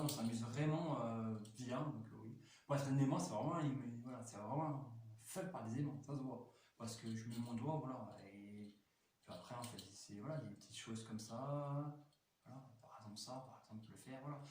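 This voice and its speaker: A man's voice: medium pitch, darkish tone. A man chatting casually while reviewing a toy, rambling with lots of fillers and restarts, enthusiastic. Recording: very echoey room, mic at a distance, faint noise.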